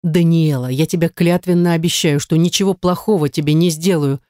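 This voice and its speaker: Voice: mid-range voice, brisk, warm tone, dry recording, lightly acted. Narrator doing a hot-tempered young man, growling, commanding, dry close sound, audiobook dialogue. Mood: softened.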